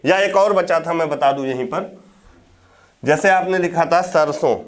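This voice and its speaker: A man giving a classroom lecture on Hindi grammar. He asks the class questions, answers them himself, and repeats words slowly to demonstrate how they sound. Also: fairly high pitch. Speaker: teacher.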